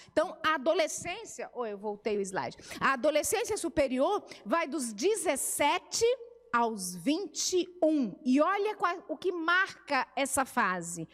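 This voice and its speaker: High-voiced Brazilian woman in an echoing hall. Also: fairly bright tone. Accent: Brazilian Portuguese. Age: middle-aged. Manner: conversational teaching, acts out family dialogues. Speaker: family therapist. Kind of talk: church family seminar talk. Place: church hall. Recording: reverberant church hall.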